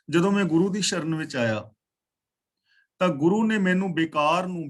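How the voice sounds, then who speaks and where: A man teaching a scripture class, reciting verses slowly and then explaining them in plain talk. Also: fairly high pitch. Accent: Punjabi. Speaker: katha teacher.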